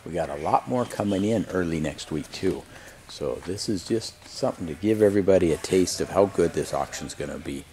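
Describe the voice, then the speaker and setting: Strolling through a big warehouse showroom and then out onto an outdoor lot, an auctioneer pitches an upcoming sale off the cuff. He speaks briskly in a warm, low voice. The camcorder audio, picked up by a handheld camera mic held by an operator behind the camera, has faint background noise.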